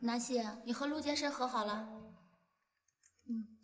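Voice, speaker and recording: A woman's voice: fairly high pitch, unhurried, big-room sound, close to an everyday voice. An actress playing a blunt, protective young female best friend who talks in an exasperated way in a TV drama. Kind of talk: TV drama acting.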